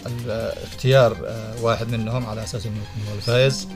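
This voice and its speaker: A man's voice: on the low side, flat delivery, racing, music in the background. A man speaking unscripted as a studio guest overseeing a draw. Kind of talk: live unscripted studio talk.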